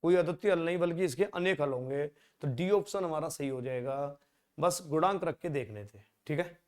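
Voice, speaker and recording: A man teaching exam-prep maths in a conversational way, asking rhetorical questions and dropping to a low mutter while he works through sums. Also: moderate pace, a little mellow.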